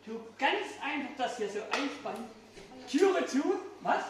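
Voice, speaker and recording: An older man works as a kids' party magician with a high, swooping voice and playful, questioning show patter. He is recorded from a distance in an echoey indoor room. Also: animated, a little slow. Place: indoors, small restaurant-like room. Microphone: distant phone camera in the audience. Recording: echoey room, far from mic, faint noise.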